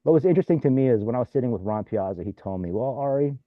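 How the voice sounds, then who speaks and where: A medium-pitched former mayor from California races through his casual, wandering stories with lively intonation, leaning on "you know" and "right?" The audio has no room sound and comes across dry and tinny, like a phone call.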